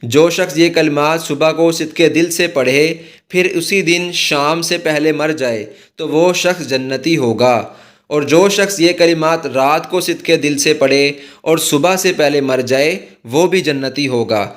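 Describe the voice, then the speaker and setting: Guy teaching a prayer, slightly high voice, earnest, explains it step by step. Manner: slow, careful recitation of Arabic supplication; earnest, instructive address to viewers. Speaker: religious teacher. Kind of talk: scripted religious explainer.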